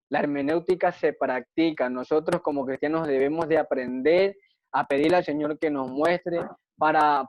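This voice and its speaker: A man's voice: on the high side, a little mellow, no room sound. A man preaching and giving a personal testimony in an earnest, repetitive way, often asking rhetorical questions. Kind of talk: testimony sermon. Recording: dull dry lo-fi recording.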